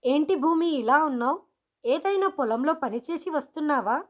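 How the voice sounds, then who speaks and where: A woman voicing a strict female schoolteacher who scolds her class with sharp questions. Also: high-pitched, expressive, moderate pace. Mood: scolding.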